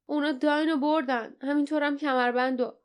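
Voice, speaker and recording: A woman voicing a hurt young girl who speaks weakly and hoarsely but with determination. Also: high voice, fairly even intonation, voice pushed up, natural voice. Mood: determined. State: weak, hoarse.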